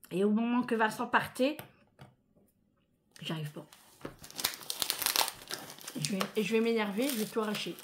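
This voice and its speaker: A woman from France chatting casually to her viewers in a vlog, emotional and expressive. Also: medium pitch, a little hiss or hum. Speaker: vlogger. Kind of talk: casual chat.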